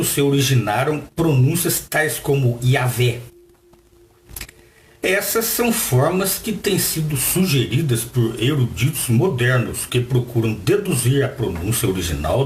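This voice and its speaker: A man's voice: mid-range voice, unhurried. Brazilian guy reading and explaining a text, voice bouncing up and down, roomy echo. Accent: Brazilian Portuguese. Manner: lively, asks the listener rhetorical questions. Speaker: Bible reader and teacher. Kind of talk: reading a text aloud with added commentary. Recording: roomy echo with faint background noise.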